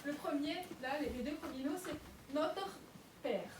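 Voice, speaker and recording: A woman's voice: high-pitched, moderate pace. A young woman giving a public lecture in a museum, talking with many fillers and restarts. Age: young adult. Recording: echoey room, mic far off, noisy.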